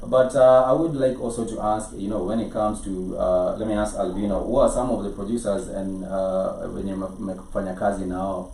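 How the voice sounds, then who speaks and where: Kenyan male interviewer, low and quick, wordy, code-switching, in a roomy space. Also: level tone, gravelly, dark tone. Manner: wordy, repeats himself, mixes English and Swahili. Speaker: interviewer, show host. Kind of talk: conversational music interview. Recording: roomy, distant mic with faint noise.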